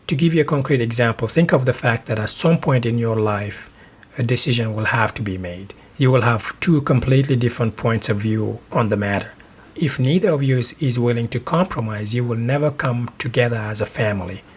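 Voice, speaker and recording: A man from Senegal hosting a solo advice podcast, speaking in a calm, measured, reflective way. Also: medium pitch, slightly rough. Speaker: podcast host.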